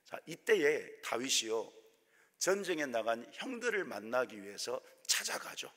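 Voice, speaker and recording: A man preaching a sermon as a pastor, telling a story with animated delivery and acting out the scenes. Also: medium pitch, unhurried. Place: church sanctuary. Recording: echoey church hall.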